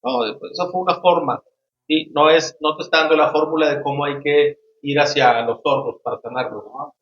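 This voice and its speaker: A man hosting a casual Bible study discussion, speaking haltingly with many restarts and frequent tag questions. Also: a little high. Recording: roomy, dull lo-fi sound.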